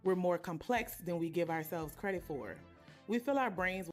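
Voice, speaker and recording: A woman in her thirties hosting a podcast, speaking an earnest, deliberate, heartfelt monologue. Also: fairly low pitch, music in the background. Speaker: podcast host.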